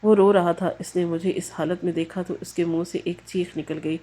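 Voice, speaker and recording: A woman's voice: fairly low pitch, steady tone, warm tone. A woman reading an emotional story aloud in scripted narration with a somber, grave manner.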